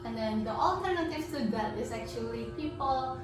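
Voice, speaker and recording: A woman's voice: a little high, moderate pace. Giggly young Indonesian woman, echoey room. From Indonesia, Java. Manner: giggly, relaxed, lots of "like" and "um". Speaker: guest cook. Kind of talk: casual chat. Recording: roomy echo, far from mic, music behind.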